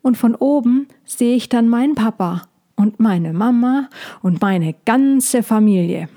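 A tiny, eager squirrel child, as a woman reading a storybook puts it on. The voice is raised high and bubbly, bright with excitement. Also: a little slow.

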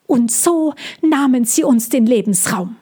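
A woman's voice: sits high, expressive, a little slow, warm tone, slightly rough, voice pushed up, full character voice. A woman doing a hissing, hostile male bird. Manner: hissing, scolding.

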